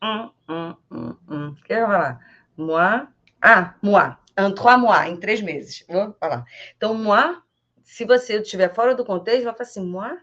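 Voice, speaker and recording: A chatty, animated woman from Brazil teaches French in a casual online lesson. She repeats phrases slowly and laughs often, at a middle pitch, and the recording sounds a bit dull and lo-fi.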